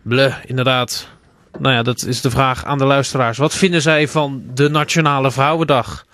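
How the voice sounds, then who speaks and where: A man's voice: mid-range voice, fairly quick, fairly bright tone, no echo, clean studio sound. A man hosting a late-night radio show, taking calls in a playful, teasing way and stumbling over his words.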